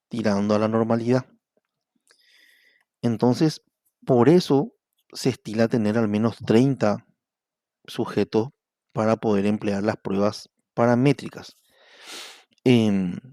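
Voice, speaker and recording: A middle-aged man with a Paraguayan Spanish accent teaches an online university class. His voice is gravelly and dark. He talks in a patient, explanatory way and keeps asking the class whether they follow. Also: medium pitch, no room sound, studio quality. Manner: explanatory, repeatedly asks "¿verdad?". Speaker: university lecturer.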